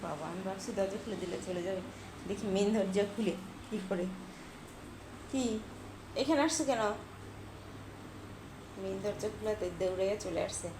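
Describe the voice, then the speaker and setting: A woman's voice: mid-range voice, moderate pace, pauses often. A woman at home talking to her pet cat, scolding it sharply at times and coaxing it sweetly at others. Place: home indoors. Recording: home recording with clear background noise.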